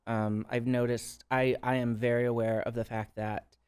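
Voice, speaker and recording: A man talking as a podcast guest in casual chat, reflective and measured, pausing and restarting as he thinks. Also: mid-range voice, little pitch movement, a little mellow, clean tone. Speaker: guest, drag performer and counselor.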